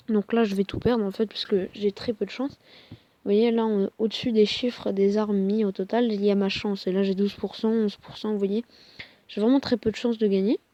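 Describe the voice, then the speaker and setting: A young woman talks casually over a mobile game, hesitant, full of fillers and quick apologies. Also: mid-range voice, dark tone, no room sound, highs cut off. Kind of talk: casual gameplay commentary.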